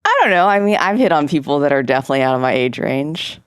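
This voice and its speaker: A woman from California co-hosting a podcast with a low, deep-set voice. She chats loosely and hedges her points, full of "like" and "I think". The recording is dry and close. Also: expressive, quick pace, clear, resonant tone, no room sound. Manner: chatty, hedging, lots of "like" and "I think". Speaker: podcast co-host. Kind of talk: casual chat.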